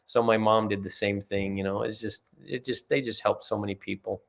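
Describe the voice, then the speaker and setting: A man's voice: lowish voice, steady tone, brisk, gravelly. A man from Utah, a podcast guest, telling earnest, rambling family anecdotes in a casual chat, acting out quotes as he goes. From Utah, USA. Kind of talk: casual storytelling in conversation.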